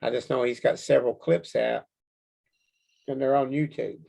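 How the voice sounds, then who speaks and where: A man's voice: medium pitch, steady tone, normal speed, vocal fry, mellow. A man with a Kentucky accent, chatting in a rambling, folksy way as an interview guest. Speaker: Bigfoot researcher being interviewed. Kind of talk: casual interview chat.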